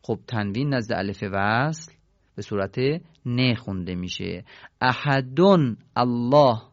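A man teaches Quran recitation in a patient, step-by-step way, slowing down to chant each verse. His voice has a gravelly edge. The recording is dull and lo-fi, with a dry sound and no room echo. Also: fairly low pitch. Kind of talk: recorded tajwid lesson.

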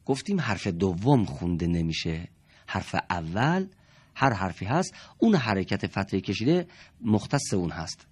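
A man teaching Quran reading to a class, explaining letters and marks and slowly sounding out example words. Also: low-pitched, breathy edge. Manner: slow, stretched-out demonstration of words. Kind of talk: classroom lesson.

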